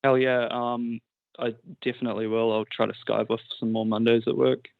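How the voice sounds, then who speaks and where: A man's voice: medium pitch, little pitch movement, brisk, creaky, dry recording. Man with broad Kiwi accent, phone line. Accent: broad New Zealand. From New Zealand. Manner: laid-back, slangy, sweary. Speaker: phone-in caller. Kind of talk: casual chat. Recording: tinny, narrow phone-line sound.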